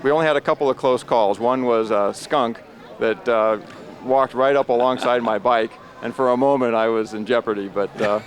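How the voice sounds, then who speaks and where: A man giving live race commentary outdoors, his voice sitting at an ordinary middle pitch. He explains distances and grades carefully and precisely, in a calm, technical manner. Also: moderate pace. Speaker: course measurer and co-host.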